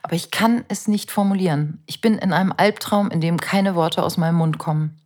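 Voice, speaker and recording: A woman reading her own memoir aloud in a measured, introspective and anxious way. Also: fairly low pitch, darkish tone. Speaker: narrator.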